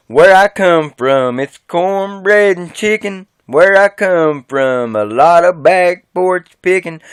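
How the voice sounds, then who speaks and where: Smooth-voiced Appalachian man singing country. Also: on the high side, no echo. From West Virginia. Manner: folksy, jokey chatter between songs. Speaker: amateur singer. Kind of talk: singing a country song cover.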